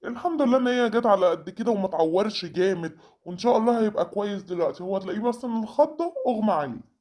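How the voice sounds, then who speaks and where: A kindly jungle animal doctor from a children's cartoon, voiced by an adult. The voice sits at a middle pitch and moves at a brisk pace. It sounds calm and reassuring, with a gently scolding edge. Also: natural voice.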